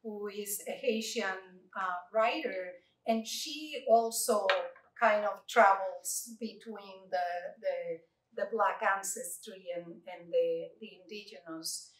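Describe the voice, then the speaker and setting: A woman poet answering audience questions, slow and thoughtful, with many fillers and restarts, standing at a lectern in a library meeting room. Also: mid-range voice. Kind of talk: unscripted Q&A at an author talk. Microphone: far room mic. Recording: echoey room recorded from far off.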